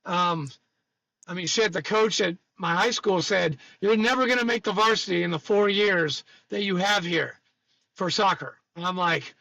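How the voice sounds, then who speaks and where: A man's voice: high voice, normal speed, vocal fry, bright, forceful tone, dry recording, rough recording. A man hosting a podcast, joking bluntly and rambling casually between topics. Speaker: podcast host. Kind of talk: casual chat.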